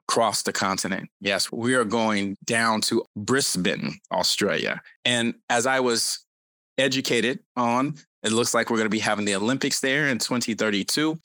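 A man's voice: on the low side, pushed and bright, no room sound. A man hosting a podcast interview, effusive and given to repeating his phrases. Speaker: podcast host.

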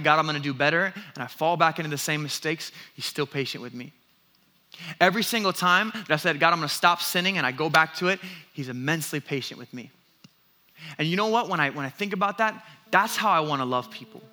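A man in his thirties delivers a sermon in a high, very bright voice, swinging from animated storytelling to earnest appeal. Soft music plays underneath. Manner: animated storytelling with self-deprecating laughs and repeated restarts. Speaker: pastor.

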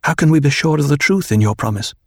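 Audiobook: male reader doing a commanding noblewoman, measured and formal, voice raised in pitch, dry booth. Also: lively intonation, husky, no room sound. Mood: wary. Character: proud noblewoman, calm and commanding. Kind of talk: audiobook reading.

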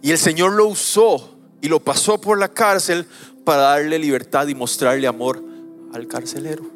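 A man preaching a sermon, animated, moving from quiet asides to loud emphatic points. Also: fairly high pitch, normal speed, faint music behind.

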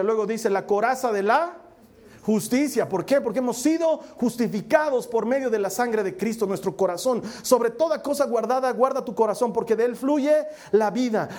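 A man's voice: very high-pitched, darkish tone. Playful middle-aged male pastor preaching. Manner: playful, self-mocking humor with mock voices; shifts between jokey asides and earnest preaching. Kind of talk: sermon.

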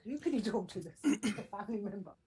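A middle-aged woman, a business coach, chatting as a podcast guest in a lively, animated way. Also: mid-range voice, a little fast, rough recording. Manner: chatty and animated, laughs often. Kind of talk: casual podcast conversation.

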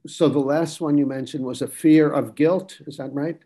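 A man's voice: fairly high pitch, fairly even intonation, normal speed, mellow. A man moderating a professional discussion, explaining in a firm, instructive way.

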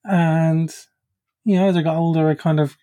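A podcast host speaks in a mellow, darker tone at a middling pitch. The talk is reflective and halting, full of restarts, in a relaxed interview.

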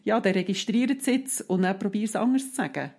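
A woman who calmly explains parenting advice, step by step, in a casual podcast chat. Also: medium pitch, fast talker, husky.

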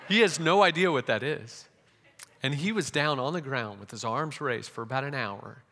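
Young guy preaching, excited story, lots of restarts, echoey church hall. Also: mid-range voice, normal speed. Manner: animated, many restarts. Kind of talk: sermon storytelling.

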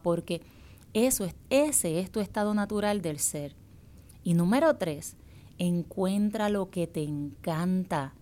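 A woman's voice: mid-range voice, darkish tone. A woman hosting a self-help series, speaking in an encouraging motivational tone and repeating key phrases.

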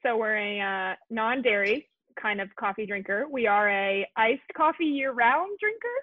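A young woman from Colorado hosting a casual chat, talking quickly and poking fun at herself. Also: a little high, lively intonation, no room sound. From Colorado, USA. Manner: chatty, quick, self-deprecating. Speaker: podcast host. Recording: tinny phone-like call audio.

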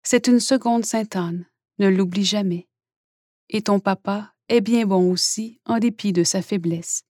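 A woman reading Jesus, soft and tender. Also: mid-range voice, unhurried, no room sound, studio quality, lightly acted. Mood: tender reassurance. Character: gentle, soothing male Jesus speaking to a suffering woman.

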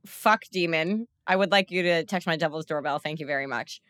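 A woman's voice: low-pitched, a little fast, fairly bright tone, dry recording, studio quality. A woman hosting a podcast in casual chat, blunt, joking and opinionated. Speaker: podcast host.

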